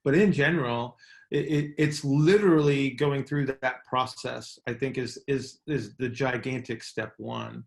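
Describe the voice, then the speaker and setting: Unhurried and gravelly, his mid-range voice carries a casual coaching call he's hosting. The middle-aged man explains things with emphasis, repeating important words and frequently asking "right?".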